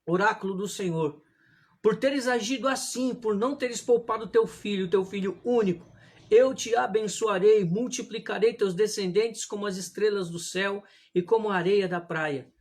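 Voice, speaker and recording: A preacher with a fairly high voice reads scripture aloud at a steady, measured pace and calls his listeners brothers. He speaks in a sermon to a livestream camera from a room at home. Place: indoor room at home, religious images behind him.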